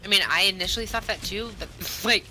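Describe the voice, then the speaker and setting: Woman streamer, chatty and giggly in casual game voice chat; very bright tone. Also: mid-range voice, fast talker, a little hiss or hum, poor audio. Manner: chatty, giggly, eats while talking. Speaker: streamer playing with friends. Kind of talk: casual voice chat while gaming.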